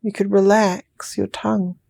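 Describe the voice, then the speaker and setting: A woman guides sleep hypnosis in a New Zealand accent, her mid-range voice mellow and touched with vocal fry, with little movement in pitch. Her phrasing is slow, soothing and elongated, now and then slipping to a whisper.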